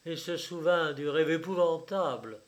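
A man narrating a novel aloud in a dramatic, expressive reading. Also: on the high side, measured pace.

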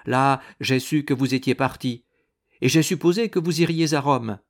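A man's voice: mid-range voice, normal speed, natural voice. A man doing a small secretive steward. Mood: earnest. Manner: earnest, eager to explain.

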